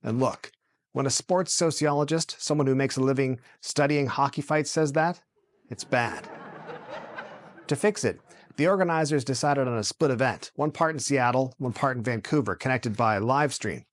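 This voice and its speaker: Man, mid-pitched voice, comedy monologue host, punchy late-night jokes, scripted setups, dry punchlines. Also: normal speed, dry recording. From Canada.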